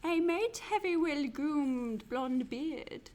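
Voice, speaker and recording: A woman putting on a wizard voice to read rhyming riddle clues, slow and sing-song. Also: high-pitched, expressive, noisy background. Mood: riddling.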